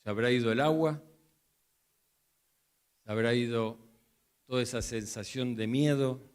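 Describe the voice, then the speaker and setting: A man's voice: medium pitch, measured pace, darkish tone, clear, resonant tone. A man preaching a sermon, telling the story vividly and acting out the voices in it. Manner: storytelling, acting out the disciples' cries and Jesus' replies. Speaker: pastor.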